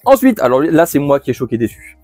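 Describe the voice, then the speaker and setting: A man's voice: fairly high pitch, big pitch swings, quick pace, a little mellow, no echo, soft background music. Chatty man hosting a manga haul. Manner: chatty, many fillers and restarts, laughs at himself. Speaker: manga channel host. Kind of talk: casual monthly haul video.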